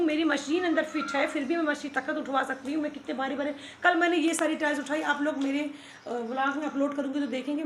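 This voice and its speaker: A woman's voice: sits high, a little hiss or hum. A woman vlogging from her home under renovation, ranting with indignation and laughing as she tells her story. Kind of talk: casual vlog talk.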